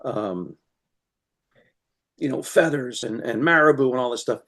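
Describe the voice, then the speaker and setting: A guest fly tier demonstrates tying flies and tells stories, chatting casually with plenty of "you know" fillers and laughing animatedly as he goes. His voice is mid-range and his pace measured.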